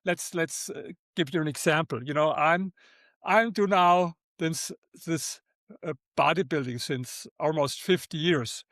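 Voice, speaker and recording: Older German-accented man, halting, high voice. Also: a bit bright, no room sound, clean studio sound. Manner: halting, repeats words, non-native phrasing. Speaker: guest author. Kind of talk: interview conversation.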